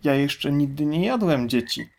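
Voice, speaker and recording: A man voicing a smaller, scornful male crocodile in a storybook reading, with a high, mocking tone. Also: animated, moderate pace, vocal fry, darkish tone. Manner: squeaky, mocking.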